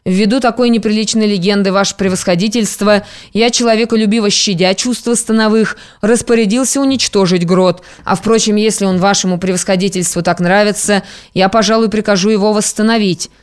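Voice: mid-range voice, fairly even intonation, clear, resonant tone, natural voice. An audiobook reader voicing a middle-aged Russian prince, a landowner who speaks unhurriedly, politely and with dry irony that hides a threat. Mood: dry mockery. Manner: unhurried, drily ironic, polite with hidden menace. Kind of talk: audiobook character reading.

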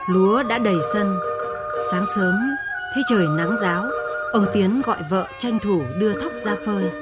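Calm woman narrator over flute music. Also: medium pitch, moderate pace. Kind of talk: scripted radio narration.

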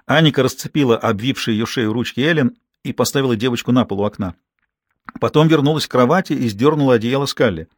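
A man's voice: mid-range voice, fast, dry recording. Older male audiobook narrator, dry sound. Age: 60s. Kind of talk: scripted narration.

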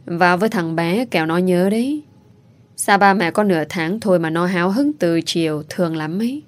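A woman's voice: fairly low pitch, brisk, lightly acted. A woman voicing a cheerful, kindly middle-aged housemaid who talks in a chatty way.

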